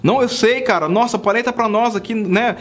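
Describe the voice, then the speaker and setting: Chatty high-voiced sax teacher. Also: male voice, brisk. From Brazil. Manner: chatty, checks in often with "tá?" and "cara". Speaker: saxophone teacher. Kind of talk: casual video lesson.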